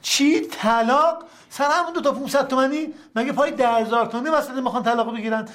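A man's voice: extremely high pitch, a bit bright. A meddling, blustering father-in-law. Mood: indignant. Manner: insistent, scolding, repeats himself. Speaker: Kamran Khan, bossy father-in-law. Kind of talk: TV comedy-drama acting.

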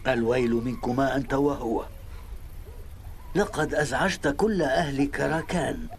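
A man's voice: mid-range voice, normal speed, a little hiss or hum, close to an everyday voice. An actor playing a stern, weary village father in a film drama, questioning and scolding. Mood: irritated, dismissive.

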